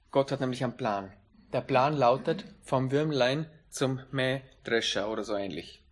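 A man preaching a sermon in an emphatic way, slowing down on key phrases. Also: medium pitch, slightly rough.

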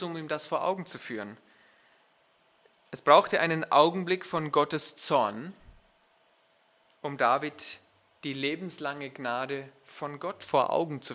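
Pastor, male, fervent sermon delivery, fairly high and bright-toned, speaks to the congregation in questions. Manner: emphatic preaching with bursts of loud rising emphasis; addresses listeners with direct questions.

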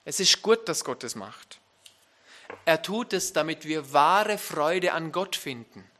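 A man preaching a sermon as pastor, emphatic, turning to his listeners with direct questions and climbing to loud, fervent peaks. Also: on the high side, lively intonation, slow.

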